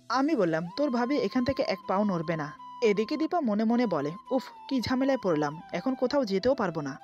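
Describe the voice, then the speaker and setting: A woman reads a romantic family story aloud at a middle pitch, voicing each character in her own narrating voice rather than putting on new ones. Soft music plays underneath, and the audio sounds a little dull and lo-fi. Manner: reads all characters' dialogue in a mostly even narrating voice.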